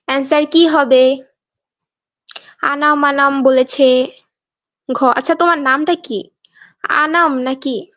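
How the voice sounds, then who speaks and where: A young woman from Bangladesh teaches a live online exam class in a high voice. She talks in a chatty, coaxing way and reads out her students' answers. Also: fairly even intonation, slow pace, long pauses, fairly bright tone.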